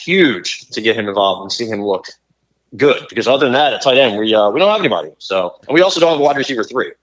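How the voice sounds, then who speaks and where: A man's voice: fairly low pitch, animated, quick pace, highs cut off. A young man co-hosting a casual sports podcast, talking bluntly and profanely in long rants. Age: young adult. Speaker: podcast co-host.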